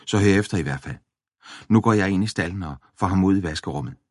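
A man's voice: sits low, no echo, studio quality. A man reading the part of a practical farm worker who gives firm, urgent instructions. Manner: firm, commanding.

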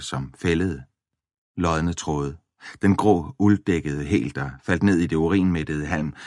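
Casting: very low male audiobook reader, measured and even, dry close studio sound. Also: no echo. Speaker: audiobook narrator. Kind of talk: scripted audiobook narration.

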